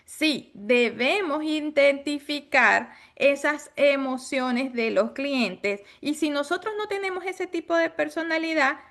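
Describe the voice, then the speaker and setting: A woman's voice: sits high, slow pace, hardly any pauses, a bit bright. A woman in an online real estate mastermind, explaining client personalities in a casual way, with light laughs between points. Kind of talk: casual group discussion.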